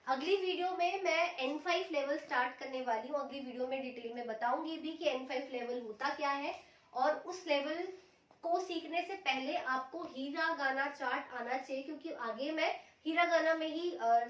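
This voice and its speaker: A high-voiced woman gives a language lesson, walking through each rule patiently and repeating every example. She sits some way from the mic in a room with a clear echo. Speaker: Japanese language teacher. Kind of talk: explaining a lesson step by step. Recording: echoey room, mic at a distance.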